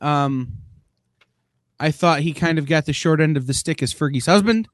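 A man hosts a relaxed chat show, slipping in dry jokes at his own expense. His voice sits a little high for a man. The recording is close and dry. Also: moderate pace, dry recording. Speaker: podcast host. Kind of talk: casual chat.

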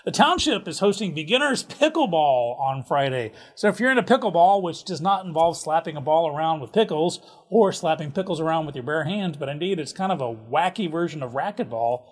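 A man's voice: fairly high pitch, animated, fairly quick, hardly any pauses. A man hosting a casual local events rundown, chatty and jokey with offhand asides. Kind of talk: casual community calendar rundown.

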